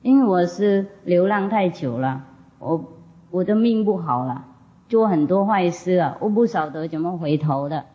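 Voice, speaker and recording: A woman voicing a drunk male chieftain who begs excitedly in a high voice. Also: moderate pace, natural voice. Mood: begging. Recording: dull lo-fi recording.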